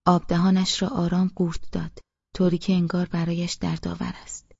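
A woman reading a novel aloud in first person, in a hushed, half-whispered voice. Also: on the low side, little pitch movement, gravelly, husky, dry recording, highs cut off. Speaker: audiobook narrator.

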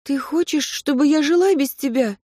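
A woman's voice: high voice, normal speed, mellow, no echo, clean studio sound, voice pushed up, lightly acted. A woman reading an audiobook, voicing a young woman in love who speaks earnestly and pleads. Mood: pleading.

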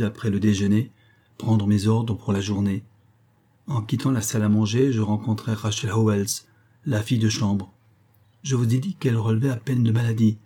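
A man narrating a classic detective story in the first person, measured and steady. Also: on the low side, breathy edge. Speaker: audiobook narrator.

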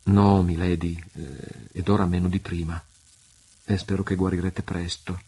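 A fierce pirate prince from an adventure novel, smitten and brooding, voiced by a male reader. His voice is deep and slightly husky. He keeps it low and muffled, intense rather than loud. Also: level tone, moderate pace.

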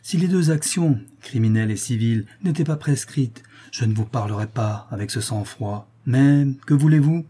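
A man reading aloud, voicing a calm, ironic man who corners a murderer with cool, relentless mockery. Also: medium pitch, normal speed, few pauses, breathy edge, natural voice. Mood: coolly mocking.

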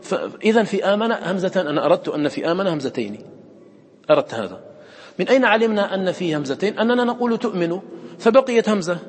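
A man's voice: high voice, expressive, fast, breathy edge, long reverb tail. A man teaching a class on recitation, repeating words aloud and quizzing his students with questions.

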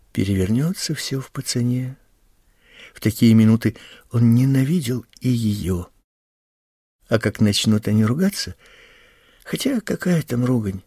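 Man reading an audiobook slowly, gravelly husky voice, dry close sound. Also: fairly low pitch, darkish tone, no room sound. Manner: slow, measured reading. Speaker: audiobook reader. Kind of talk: scripted narration.

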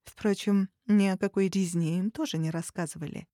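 A woman narrating an audiobook in a measured, even reading. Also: mid-range voice, no room sound, studio quality.

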